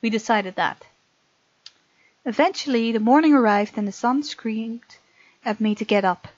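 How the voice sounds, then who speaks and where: Speaking at a moderate pace in a voice on the high side, with no echo, a woman hosts a let's play. She reads the game's text aloud and chats casually as the story unfolds, over game music on a muffled lo-fi mic.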